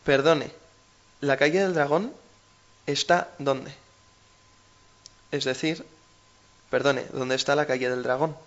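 A man's voice: medium pitch, steady tone, slow pace, pauses often, a bit bright, highs cut off. A man with a Spain Spanish accent co-hosting a language lesson, explaining patiently with everyday examples. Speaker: language teacher co-host.

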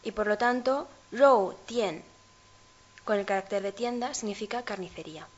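A woman co-hosting a language lesson, measured and demonstrating pronunciation as she explains. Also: medium pitch, highs cut off. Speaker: language teacher co-host.

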